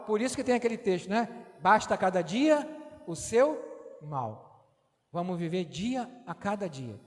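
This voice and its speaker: A middle-aged man preaching a sermon in a church, talking to the congregation conversationally and often checking in with a quick "right?". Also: high voice. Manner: conversational, tags lines with "não é?". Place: church sanctuary. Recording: long church hall reverb.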